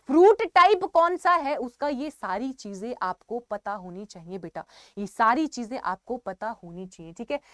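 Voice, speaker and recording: An Indian woman teaching an online exam-prep class in a rather high voice. She talks students through each item, saying things twice and pronouncing scientific names slowly and clearly. The recording is close and dry, with no room sound. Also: lively intonation, no echo. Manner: addresses students as "beta", repeats key points; reads scientific plant names aloud carefully.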